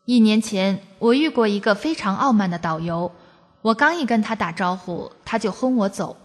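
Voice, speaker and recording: A woman's voice: mid-range voice, expressive, moderate pace, husky, long reverb tail. A woman from China reading a first-person testimony aloud, in an earnest, preachy storytelling cadence.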